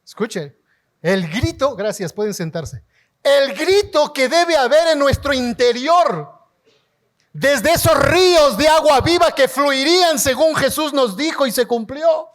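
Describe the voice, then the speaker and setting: High-voiced preaching pastor, slow and emphatic. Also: male voice, expressive. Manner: preaching with call-and-response, urging the congregation to shout; slow, emphatic delivery, rising to shouts. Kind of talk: sermon. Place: church hall before a congregation.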